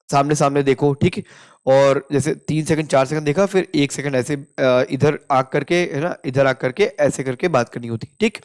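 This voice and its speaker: A young man with an Indian accent, tutoring in casual mixed Hindi and English, checking in often and reading model answers slowly. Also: mid-range voice. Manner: explains with frequent "theek hai" check-ins, reads model answers slowly. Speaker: interview prep tutor.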